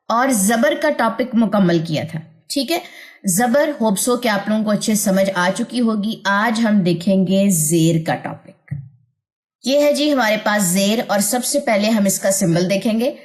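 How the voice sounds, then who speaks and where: A woman teaching an online tajweed lesson, patiently drilling sounds and checking understanding. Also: mid-range voice.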